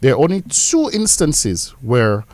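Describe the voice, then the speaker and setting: A man's voice: medium pitch, wildly swooping pitch, a little slow, darkish tone, no room sound. Caribbean man explaining, emphatic, dry sound. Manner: emphatic, repeats and restarts phrases for stress. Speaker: insurance representative. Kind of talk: explanatory interview talk.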